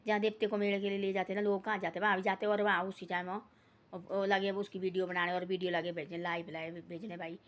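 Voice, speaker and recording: A woman's voice: medium pitch, little pitch movement, fast talker. Older woman, rambling village storyteller, repeats herself, scolds in asides.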